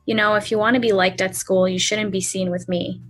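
A wry, thoughtful teenage girl from a fantasy novel, read aloud by a woman. Her lines come out plainly and conversationally, with a little faint music behind. The pitch sits in a middling range. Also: little pitch movement, a little fast, close to an everyday voice. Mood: reflective. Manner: plain reading voice, lightly conversational. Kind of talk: author reading dialogue aloud.

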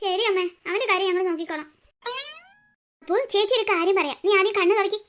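This is a clever young girl from a cartoon story who stands up for her little brother, as a woman acts her out. She sounds indignant and sharp, with a very high, bright voice. She talks fast. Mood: plotting. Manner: indignant, plotting. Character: bold clever young girl, protective big sister. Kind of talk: cartoon voice acting.

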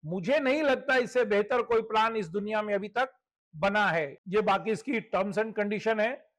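A man with an Indian accent and a high-pitched voice presents a membership scheme in a promotional slide talk. At a measured pace, he explains it step by step, dropping in English terms.

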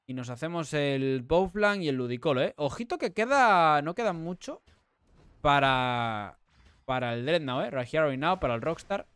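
Brief: Spanish-accented male gaming streamer, fairly high voice, dry close sound, excitable play-by-play. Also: clear, resonant tone, no echo. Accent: Spain Spanish. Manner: excitable, repeats himself, bursts into shouts. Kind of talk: live gameplay commentary.

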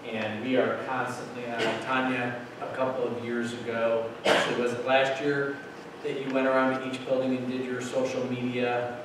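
Recorded from far across a big meeting room, this school administrator stands at a podium presenting policy updates to the board. His mid-range voice shows little pitch movement and moves at a normal speed, and his explanations are casual and packed with fillers. The room is very echoey and the distant mic captures plenty of noise.

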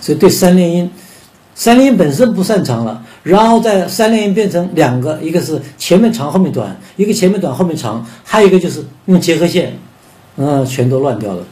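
A man's voice: fairly high pitch, lively intonation, brisk, dark tone. An older man teaching a music lesson on rhythm, explaining beats and singing out counting syllables to demonstrate.

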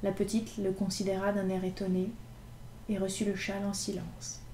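A woman reading a classic novel aloud in an expressive, lively storytelling manner. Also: mid-range voice, moderate pace, a little hiss or hum. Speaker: reader. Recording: echoey room with faint ambience.

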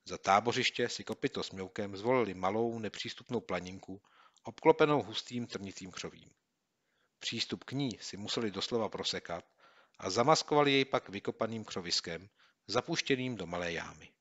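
A man reading a children's book aloud as a narrator, with steady storytelling delivery. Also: fairly low pitch, highs cut off. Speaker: audiobook narrator. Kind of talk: scripted narration.

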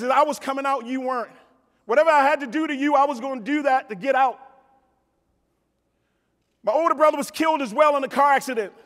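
A middle-aged American man's extremely high, fairly bright voice rings through a large convention hall's PA as he gives a motivational keynote. Emphatic throughout, he tells stories, repeats phrases for effect and speaks directly to listeners on stage.

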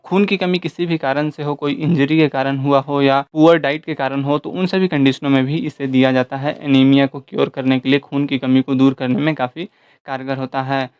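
A man hosts an explanatory voice-over, running through his points one after another. His voice is smooth and clear, and his pitch barely moves. The sound is close and dry, with no room around it. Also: fairly even intonation, brisk, no echo, dull audio. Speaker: medicine information channel host.

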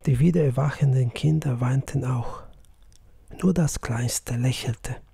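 A man narrates a literary audiobook slowly and in a hushed manner, sometimes almost whispering. His voice is gravelly, dark and husky. The recording is dry and close to the mic. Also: mid-range voice, no echo. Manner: slow, hushed, at times whispered reading.

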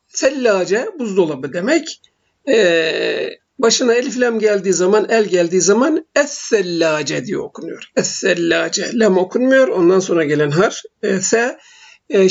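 Halting male Arabic teacher, lo-fi. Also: high voice. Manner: slow, halting, frequent filler sounds while explaining. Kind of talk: recorded language lesson. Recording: dull lo-fi recording.

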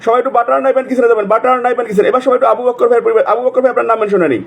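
On a live stream, a man with a sore throat calls out viewers' names again and again, urgently pressing them to join and comment. His voice is extremely high, gravelly and rapid-fire, repeating itself with insistent urgency.

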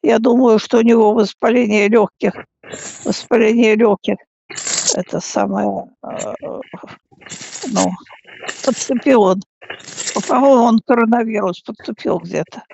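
Frail old great grandma in her 80s, super gravelly, halting and repeating herself, muffled phone call. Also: on the high side, steady tone, a little mellow, no room sound. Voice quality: frail, elderly voice. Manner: halting, repeats words and stammers. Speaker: great-grandmother talking with younger relative. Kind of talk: casual phone chat.

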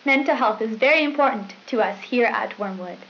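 A young woman plays a polite, perky school news anchor in a scripted 1990s newscast, her delivery formal and rehearsed. Her voice is on the high side, a bit bright, and fairly quick. The sound is dull and hissy, like an old VHS broadcast tape.

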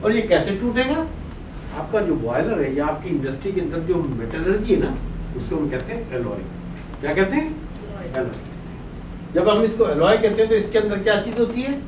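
Very animated and high-voiced, an older man with a Pakistani Urdu accent talks at a moderate pace through his face mask. He's a professor explaining boiler chemistry at a whiteboard, firing questions at his class and answering them himself. The sound is distant, echoey and noisy, picked up by a room mic in a brick-walled meeting room.

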